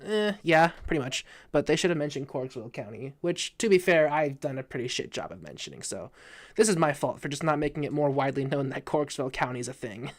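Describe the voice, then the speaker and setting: A man's voice: mid-range voice, animated, fast. A drunk man giving casual live reaction commentary from his room, rambling, swearing and stumbling over his words. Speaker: live streamer reacting to a video.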